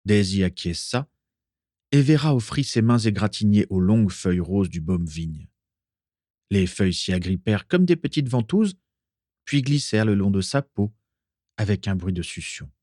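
A man reading a storybook aloud with expressive storytelling. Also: lowish voice, normal speed, no echo, studio quality. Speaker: narrator. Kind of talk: audiobook reading.

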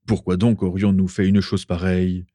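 A man's voice: deep voice, flat delivery, normal speed, mellow, no echo, natural voice. A man reading a storybook and voicing a cheerful older man who stays unfailingly amiable. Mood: jovial. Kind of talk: audiobook reading.

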